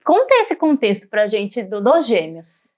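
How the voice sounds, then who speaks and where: A woman's voice: on the high side, wildly swooping pitch, measured pace, a little mellow. A woman hosting an interview podcast, chatty and eager, often restarting her sentences. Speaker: podcast host. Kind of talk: casual interview chat.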